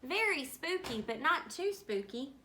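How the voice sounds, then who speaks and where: A woman voicing an easygoing young male cartoon cat from a storybook, bright and cheerful. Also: sits high, very animated, measured pace, reverberant, slight background noise, exaggerated voice.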